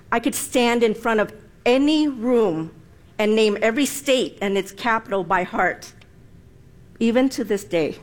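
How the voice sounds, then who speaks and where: A Vietnamese-born woman in her forties, whose first language is Vietnamese, delivers a prepared personal speech. Her voice sits on the high side, and she speaks deliberately and with emphasis.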